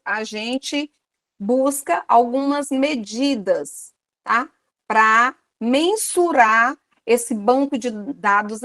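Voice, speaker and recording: A woman's voice: on the high side, no room sound. A woman with a Brazilian Portuguese accent giving an online university lecture, explaining step by step and often checking in with her students.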